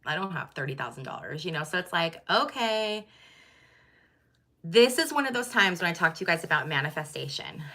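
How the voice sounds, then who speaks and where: A woman's voice: lowish voice, very animated, brisk, sharp tone. A middle-aged woman chatting candidly and casually to her viewers, with many fillers and restarts. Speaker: tarot channel host.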